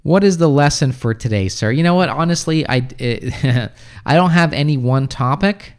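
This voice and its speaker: Here the US-raised host, in his thirties, is animated yet a little mellow, keeping a moderate pace with a clear, resonant tone. He reads chat comments on his casual home English livestream and replies offhand, filler-heavy, into a studio mic on a boom arm near his mouth.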